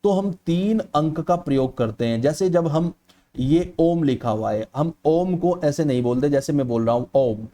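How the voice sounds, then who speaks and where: A man teaches an exam-prep lecture with a mellow, relaxed tone and a slightly raised pitch for a man. He explains step by step, checks in with his students again and again, and draws out vowels to show how they sound. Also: moderate pace. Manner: explanatory, repeats "ठीक है" often; stretches vowels aloud to demonstrate.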